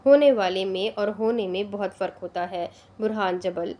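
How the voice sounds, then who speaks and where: Woman doing a jealous possessive young man, stern, commanding, mellow tone, audio novel. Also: medium pitch, natural voice. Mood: angry.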